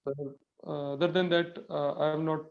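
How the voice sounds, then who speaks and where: A young man with an Indian accent giving formal interview answers as a candidate, nervous, halting and very deferential. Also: fairly high pitch, level tone, vocal fry. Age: young adult. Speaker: civil service candidate in a mock interview. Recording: dull lo-fi audio.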